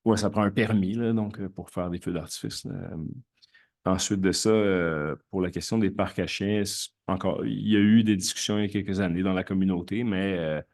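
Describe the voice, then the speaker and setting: A man's voice: low voice, steady tone, moderate pace, a little mellow. A man with a Quebec French accent chairing a council meeting, replying informally in a hesitant, roundabout way. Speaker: council chair answering residents.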